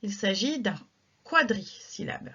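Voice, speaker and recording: Slow, careful woman teacher. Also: medium pitch, expressive, bright, forceful tone, breathy edge, lo-fi sound. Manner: slow, careful, counting syllables aloud. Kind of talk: recorded lesson correcting exercises.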